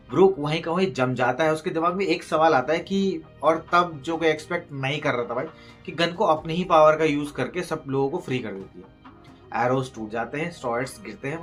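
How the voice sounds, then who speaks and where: An excitable man talks through a manga chapter in a loose, conversational way. His voice sits at an ordinary middle pitch, and he keeps breaking off to address his listeners. Faint music plays quietly underneath. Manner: excitable, peppers speech with "bhai" and "matlab", acts out quoted lines. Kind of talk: casual Hinglish recap of a manga chapter.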